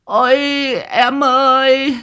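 A nosy village woman wails her way through a spoken ghost story, her high voice leaping up and down in a sing-song lament, as a man puts her on. She is theatrical and crude. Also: animated, moderate pace. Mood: wailing lament.

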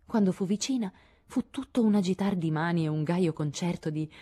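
A woman reading a classic novel aloud as an audiobook narrator, measured and expressive. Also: on the low side, husky. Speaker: audiobook reader. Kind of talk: scripted narration.

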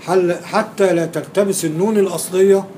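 A man's voice: high voice, fairly even intonation, brisk, dark tone, slight background noise. Egyptian man teaching grammar, quizzing students. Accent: Egyptian Arabic. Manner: quizzing students, repeating and stressing key words. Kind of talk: classroom lecture with questions to students.

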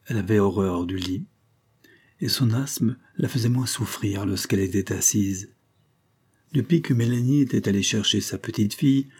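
A man reading a classic novel aloud as an audiobook narrator, in measured, steady storytelling. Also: lowish voice, breathy edge. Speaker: audiobook reader. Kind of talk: literary narration.

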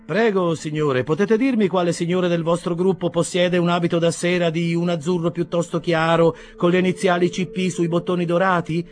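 A man's voice: high voice, level tone, normal speed, few pauses, soft background music, voice pushed up, natural voice. A man voicing a polite male bootblack servant in a read-aloud novel, with a raised, deferential manner. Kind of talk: audiobook character voice.

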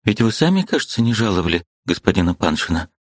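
A man voicing a quiet, earnest young woman who answers timidly. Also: low-pitched, sing-song, fast talker, dry recording, clean studio sound. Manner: soft, timid.

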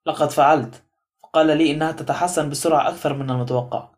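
A man's voice: fairly high pitch, fairly even intonation, fast, natural voice. A man reading the part of an indignant young sailor in an audiobook, speaking bluntly and angrily. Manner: angry, blunt.

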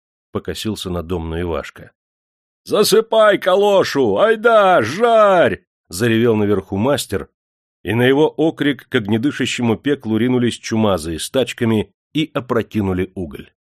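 Low-voiced male audiobook narrator. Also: expressive, brisk, darkish tone, dry recording, studio quality.

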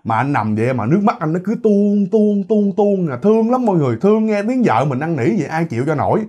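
A man recounts a ghost story at a rapid clip. His husky voice sits a bit high and swings widely in pitch. He talks chattily to his listeners, peppering the story with exclamations. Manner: animated, chatty, frequent exclamations and tag particles. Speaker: horror story narrator. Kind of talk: casual spoken storytelling to listeners.

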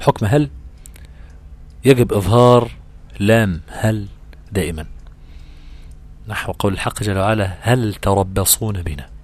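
A man with an Egyptian accent teaching Quran recitation rules in a lively, conversational way, acting out imagined student questions. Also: lowish voice. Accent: Egyptian Arabic. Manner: animated, acts out imagined student exchanges, drawn-out recitation examples. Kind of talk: Egyptian colloquial tajweed lesson.

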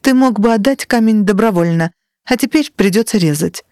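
A woman's voice: medium pitch, lively intonation, normal speed, a little mellow, dry recording, clean studio sound, pitched above the performer's own voice, close to an everyday voice. A woman voicing a cold, domineering sorceress mother in an audiobook, speaking in an icy, scolding, sharply emphatic way. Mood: cold scorn. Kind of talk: audiobook character reading.

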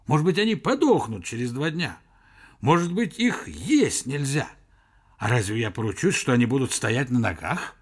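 A man reading the part of an irritable, scornful male zoology professor who fires off sharp, angry questions. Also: mid-range voice, big pitch swings, measured pace. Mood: heated.

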